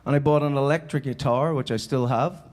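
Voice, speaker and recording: Speaking a little fast, a Belfast-accented Northern Irish man shares personal stories conversationally in a live keynote on stage. His voice is medium-pitched, slightly mellow, with fairly even intonation.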